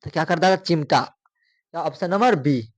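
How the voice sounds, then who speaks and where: A man teaching, his voice pitched a little high. He reads out multiple-choice questions, repeats them and prompts students to answer. The sound is close and dry. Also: moderate pace, no echo. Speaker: exam coaching teacher. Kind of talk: exam question walkthrough.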